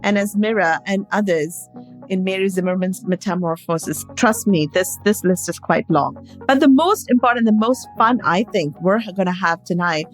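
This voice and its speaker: Soft background music plays as a woman from New York City, co-hosting a podcast, reads out a guest's credits in a casual, chatty introduction. She speaks at normal speed in a medium-pitched voice, giggly and eager, tripping over the names.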